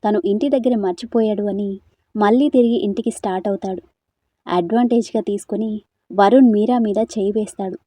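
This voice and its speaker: Mellow woman storyteller, dry sound. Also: mid-range voice, brisk, no room sound. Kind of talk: audio story narration.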